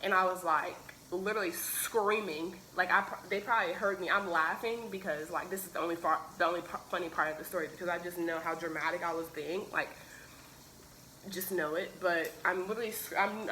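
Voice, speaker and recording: A woman's voice: fairly low pitch, fairly even intonation, brisk, pushed and bright, a little hiss or hum, poor audio. A woman vlogger recounting a personal story at home in a chatty, emotional way, full of fillers.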